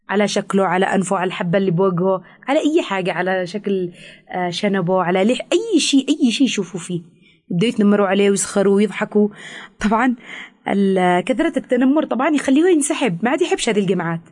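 A woman with a Yemeni Arabic accent, a counselor explaining things in an interview, fast with frequent hesitations. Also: medium pitch, expressive, a little mellow. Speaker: teen counselor. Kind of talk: expert interview answers.

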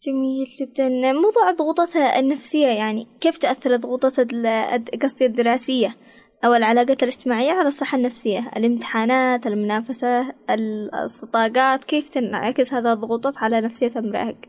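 A woman interviewer asking questions in a measured way and answering with brief agreements. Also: fairly high pitch, a little mellow.

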